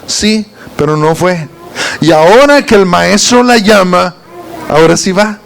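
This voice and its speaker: Higher-voiced man teaching Bible study. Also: expressive, measured pace, creaky. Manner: reads verses aloud, then quizzes listeners with rhetorical questions. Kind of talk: informal Bible teaching to a group.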